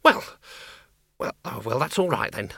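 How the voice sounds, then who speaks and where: A man voicing an anxious, bossy older farm woman, high-pitched and sharp. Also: sing-song, moderate pace, vocal fry, husky, dry recording, studio quality, heavily acted. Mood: relieved.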